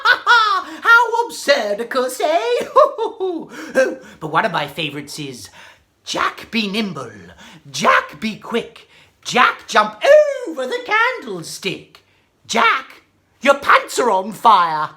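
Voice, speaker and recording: A woman plays a zany, excitable Mad Hatter in a theatrical children's monologue and poem recital, telling silly jokes and chatting with young listeners. Her fairly high voice is heavily acted, whimsical, and exclamatory, and she giggles at her own jokes.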